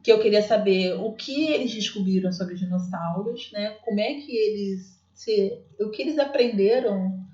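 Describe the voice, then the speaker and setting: A woman's voice: mid-range voice, moderate pace, few pauses, a little mellow, highs cut off. Chatty woman teacher, roomy sound. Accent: Brazilian Portuguese. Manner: chatty, many fillers and restarts. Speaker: literacy teacher. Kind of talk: explaining classroom practice to viewers.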